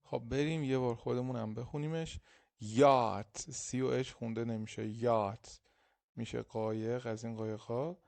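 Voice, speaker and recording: A man teaching an English lesson, reading example sentences slowly and translating them quickly. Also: mid-range voice, little pitch movement, creaky, mellow. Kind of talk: casual lesson explaining in Persian.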